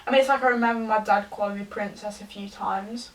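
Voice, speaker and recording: A young woman, tipsy, giving a rambling, halting confessional rant to a camera some distance away. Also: medium pitch, steady tone. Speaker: vlogger. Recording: distant from the mic.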